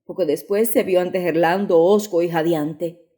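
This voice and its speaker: Brief: woman audiobook narrator, mellow dark tone, measured literary reading. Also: on the low side. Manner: measured, even storytelling.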